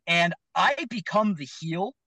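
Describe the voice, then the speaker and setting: A man's voice: sits high, a little slow, no echo, rough recording. A man, a magician guest, chatting casually. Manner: animated, chatty, acts out quotes. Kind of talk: casual chat.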